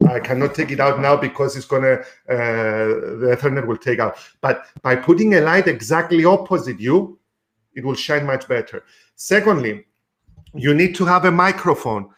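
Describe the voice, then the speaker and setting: A man's voice: mid-range voice, fairly bright tone. A man hosting a live-streamed mentoring show from a room at home, coaching guests on sales in an instructive way with frequent fillers.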